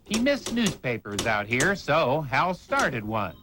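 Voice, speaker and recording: A man's voice: mid-range voice, big pitch swings, takes it slowly, background noise. A man narrating a feature report with wry, scripted delivery.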